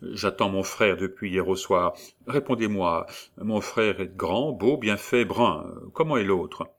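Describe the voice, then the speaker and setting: A man's voice: low-pitched, a little slow. A man reading as a terse, anxious young man. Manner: terse and urgent.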